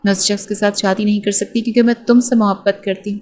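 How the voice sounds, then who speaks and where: A woman's voice: mid-range voice, little pitch movement, a little mellow, natural voice. A woman reading the lines of a frightened, tearful young bride in an audio novel, in a pleading way.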